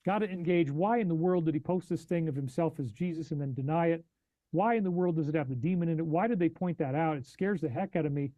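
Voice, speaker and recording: A man hosting a live podcast stream, reacting to news and chat with animated, incredulous questions. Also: on the high side, fast, dry recording, lo-fi sound. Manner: reads chat donations aloud. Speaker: podcast host.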